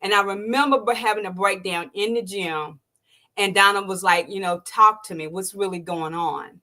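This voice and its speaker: A podcast host in her sixties shares an emotional personal story during an interview, speaking at a moderate pace. She tells it in an animated way, acting out quotes with sharp leaps in pitch, then dropping to a soft, low voice when the feeling gets to her.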